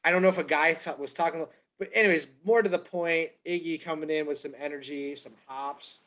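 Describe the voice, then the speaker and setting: Higher voiced guy, jokey sports podcast cohost keeping things on track. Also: steady tone, a little fast, fairly bright tone. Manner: jokey, steers the talk back on track. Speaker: podcast co-host. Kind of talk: casual sports chat.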